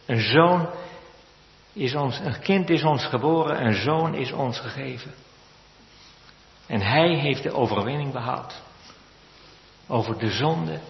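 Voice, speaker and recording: A man preaching a sermon in a church, slow and measured with solemn repetitions. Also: medium pitch, gravelly. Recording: echoey church hall, lo-fi sound.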